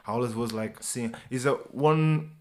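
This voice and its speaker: Man, English speaker, podcast guest, animated storytelling, casual chat, middle pitch. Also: normal speed. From Portugal. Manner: animated storytelling in non-native English, with frequent fillers. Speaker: podcast guest, personal trainer.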